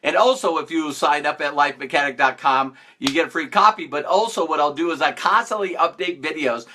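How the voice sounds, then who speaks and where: A man's voice: a little high, fairly quick, sharp tone, a little hiss or hum. A man hosting a casual live stream as a motivational speaker, greeting viewers by name and stressing points with playful mock sarcasm.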